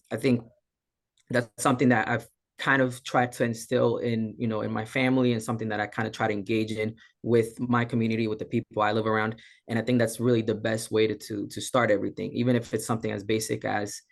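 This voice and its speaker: A man from Colombia speaking as a panelist on a video call, reflective and measured, often pausing with "um" and "right?". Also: lowish voice, gravelly. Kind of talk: panel discussion remarks.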